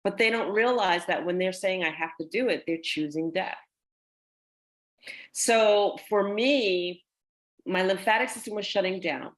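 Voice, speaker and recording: A woman's voice: medium pitch, a little slow. A woman, a guest, telling her story in a conversational way and acting out the people she quotes. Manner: animated, acts out quoted dialogue.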